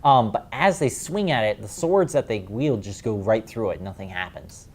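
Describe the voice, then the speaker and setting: A man's voice: lowish voice, expressive, normal speed. A man narrating a tabletop game as game master, describing scenes in a rambling way with many fillers.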